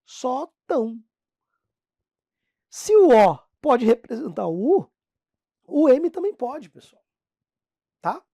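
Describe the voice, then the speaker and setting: A Brazilian woman teaches a Portuguese grammar lesson on phonetics, speaking slowly and without hurry while her pitch rises and falls with lively energy. Her voice is slightly rough, she calls the class "pessoal," and she draws out the example words. The recording is dry and close-miked with no room echo.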